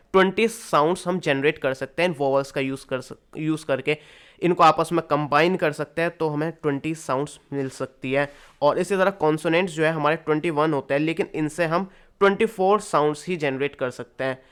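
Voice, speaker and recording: A man's voice: fairly high pitch, clean tone. A young man teaching an online lecture, explaining patiently, repeating key points and speaking directly to his students. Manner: addresses students directly and casually.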